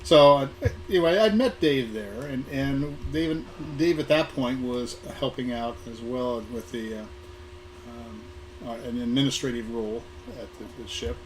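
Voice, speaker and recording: An American guest speaker, middle-aged or older and from Southern California, reminisces casually about his work as a museum programming manager. Getting over an illness, he sounds hoarse at an average pitch, stumbling over small repeated words and pausing to find his way. Audible background noise and room ambience mark the live recording.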